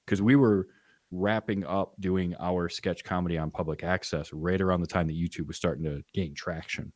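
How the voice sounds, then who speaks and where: A man talking as a podcast guest, rambling and animated as he tells stories. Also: low voice, normal speed, no room sound, clean studio sound. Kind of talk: casual chat.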